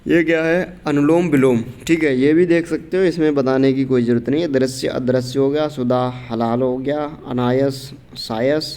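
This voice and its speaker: In a warm, clean mid-range voice with fairly even intonation, a man moves at a moderate pace with hardly any pauses. He runs an informal exam-prep grammar class, reading answer options aloud, repeating "theek hai" and frequently checking students are keeping up.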